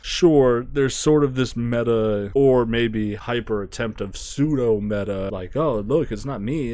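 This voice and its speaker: A man giving a casual spoken album review, thinking aloud, restarting phrases and trailing off quietly. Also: fairly low pitch. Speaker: music reviewer.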